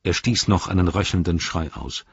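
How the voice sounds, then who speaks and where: Brief: male audiobook narrator, low husky voice, steady reading, dry close sound. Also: normal speed, dry recording, muffled recording.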